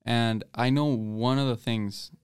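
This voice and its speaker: A man's voice: mid-range voice, fairly even intonation, slow, smooth, no room sound, studio quality. A teenage boy with an American accent hosting a student podcast, rambling casually with many fillers and restarts. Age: teens. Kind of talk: casual chat.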